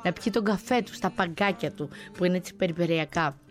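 Chatty woman host over soft music. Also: lowish voice. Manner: conversational, with frequent hesitations and restarts. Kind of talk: casual radio chat. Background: faint music.

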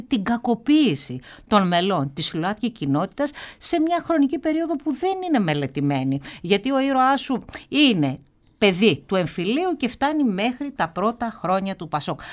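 A woman hosts a radio book show from a studio. Her voice sits fairly low, and she speaks in a formal, articulate way into a studio microphone. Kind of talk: radio talk show hosting.

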